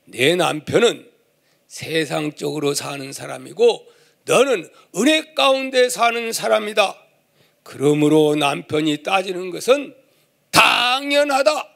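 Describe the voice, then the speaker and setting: A man voicing God as a calm, gentle father figure who speaks slowly, low and solemn. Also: creaky, full character voice. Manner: slow, low, soft-spoken and solemn.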